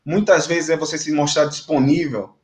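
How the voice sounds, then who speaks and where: A man's voice: on the high side, fairly even intonation, normal speed, roomy sound. A man, talking as a football commentator on a fan debate show, emphatic and indignant, often repeating words.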